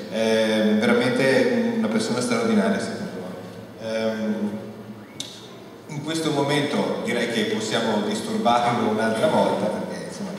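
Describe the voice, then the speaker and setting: A man's voice: fairly low pitch, slight background noise. A man moderating a live festival panel, enthusiastic and full of ehm fillers. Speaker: event moderator. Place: large echoing palace hall at a comics festival. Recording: echoey hall, distant mic.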